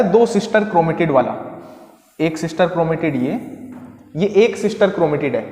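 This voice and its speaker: High-voiced man teaching in an echoey room. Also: darkish tone. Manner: asks and answers own questions, repeats key terms. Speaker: tutor. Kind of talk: classroom lesson explaining diagrams. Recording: echoey room with long reverb.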